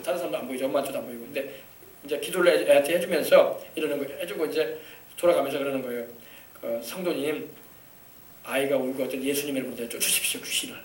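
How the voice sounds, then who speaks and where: High fast-talking preacher in an echoey church. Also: male voice, slight background noise. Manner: storytelling, acting out quoted voices, rising to shouts of hallelujah. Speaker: pastor. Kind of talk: sermon. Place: church sanctuary. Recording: echoey church hall, mic at a distance.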